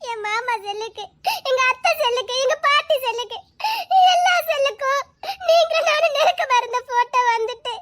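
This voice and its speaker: A tearful young student, deeply hurt and openly reproachful, speaking with a Tirunelveli Tamil accent , as a woman acts her out. Her voice sits extremely high and cracks with crying. This is melodramatic Tamil drama acting. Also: normal speed, fairly bright tone. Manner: sobbing, accusing and reproachful. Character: young female student, heartbroken, betrayed and tearful.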